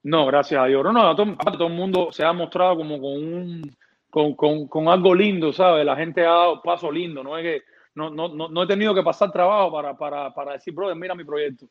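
A fairly high-voiced man talks casually as a music producer in an interview. He rambles, repeating words and restarting often. The recording sounds dull and lo-fi. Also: fairly quick.

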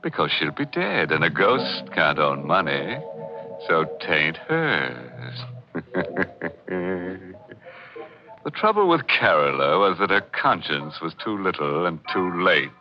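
An actor playing a sardonic, ghoulish radio mystery host who trades gallows puns and sinister chuckles, on a lo-fi 1940s broadcast. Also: male voice, deep voice, big pitch swings, slow pace, over music, full character voice. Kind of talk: 1940s radio drama hosting.

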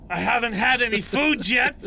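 A man's voice: extremely high pitch, creaky, pushed and bright, slight background noise. A man improvising casually as a player in a tabletop role-playing game.

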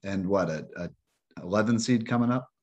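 A man co-hosting a podcast, chatting casually about sports in a rambling, halting way full of restarts. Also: on the low side, darkish tone, highs cut off. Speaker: podcast co-host.

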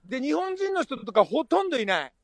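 A man hosting a radio show, calling in live from outdoors at night, loud and excitable, rambling with plenty of fillers and sounding sleepy. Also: very high-pitched, brisk, gravelly, no echo, studio quality. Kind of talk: casual chat on a live phone link. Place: outdoors on a city street at night.

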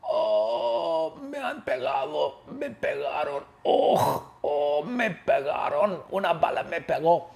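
A man's voice: a little high, very animated, slow, gravelly, hardly any pauses, darkish tone, pitched above the performer's own voice, exaggerated voice. A man doing a wailing wounded cop. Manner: howling exclamations. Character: male police officer, just shot, wailing in pain.

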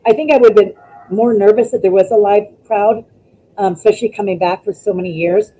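A woman, a former wrestler, chatting as a guest over a video call, telling stories in an animated way and acting out what people said. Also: mid-range voice, brisk, breathy edge, rough recording. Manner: animated storytelling, acts out quotes. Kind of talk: casual interview chat.

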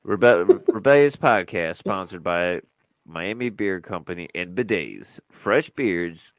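Poor audio captures a podcast co-host whose low, expressive voice moves at a slow pace with no room sound. He chats casually, rambling with many fillers and restarts.

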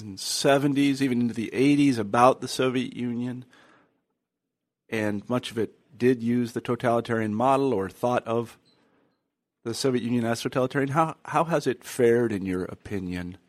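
A man asks long, hesitant questions as an interviewer, searching for his phrasing as he goes. His pitch is middling and the recording is dry. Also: normal speed, no room sound.

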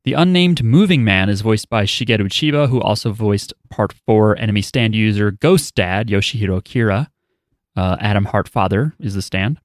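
Speaking at an ordinary pace in a lowish voice, this podcast host chats easily as he goes through listener emails, adding dry, throwaway comments. It's a dry, studio-grade recording.

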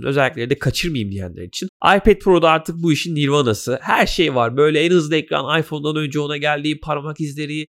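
Fast-talking man with a nasal, stuffed-up voice. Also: a little high. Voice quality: nasal, congested voice. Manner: chatty, colloquial, addresses listeners directly. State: stuffy nose from a cold. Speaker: podcast host. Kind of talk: casual tech news commentary.

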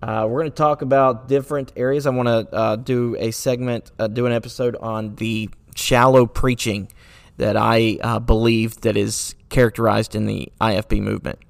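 A man's voice: mid-range voice, level tone, moderate pace, gravelly, no echo. A man hosting a solo podcast, talking earnestly through rhetorical questions with many fillers and restarts, now and then sarcastic. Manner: sarcastic at times. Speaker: podcast host.

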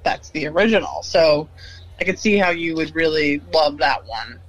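Male podcast co-host, high-pitched, eager casual chatter. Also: lively intonation, moderate pace, a bit bright, low-quality recording. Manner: eager, chatty, says "like" a lot. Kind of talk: casual chat.

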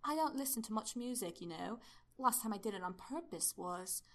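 A woman voicing an affectionate, excitable time-travelling doctor who muses out loud in a chatty way. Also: mid-range voice, moderate pace, lightly acted. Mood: musing, excited. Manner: chatty, musing, enthusiastic.

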